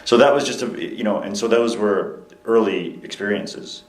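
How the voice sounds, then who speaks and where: A young man, a military veteran, speaking in a candid interview, earnest and reflective, with frequent halting restarts and fillers. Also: on the low side, echoey room, low-quality recording. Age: young adult.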